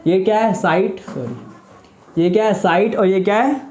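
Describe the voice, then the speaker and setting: A man's voice: high-pitched, fairly even intonation, quick pace, warm tone. A man teaching English spelling rules, patiently asking rhetorical questions and answering them himself, repeating each point. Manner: patient and repetitive, says each word twice. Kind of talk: explaining spelling rules in a lesson. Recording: echoey room.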